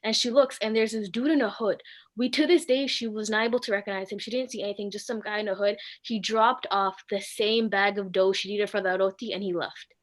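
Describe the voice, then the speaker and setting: A woman's voice: medium pitch, steady tone, fairly quick. A young woman co-hosting a talk show, telling a personal story in a chatty way with many filler words. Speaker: co-host.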